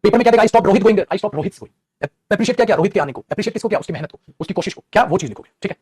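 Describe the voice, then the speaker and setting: A man runs an English grammar lesson at a quick clip, playful and coaxing. His voice sits high with a husky grain. The sound is dry and close, with no room around it. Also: no room sound. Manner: lively, playful, addresses students as beta and guruji, acts out student voices.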